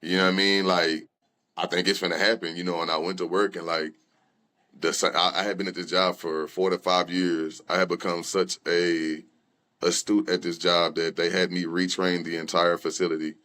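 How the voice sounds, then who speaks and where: A man's voice: low voice, little pitch movement, normal speed, pushed and bright. A young man, a rapper and guest, telling his personal story candidly in loose conversational talk with many fillers and restarts. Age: young adult.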